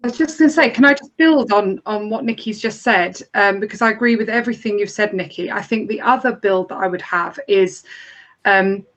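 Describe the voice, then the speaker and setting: A woman speaking on a panel discussion, earnest and animated, building on other points. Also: mid-range voice, fairly quick, poor audio.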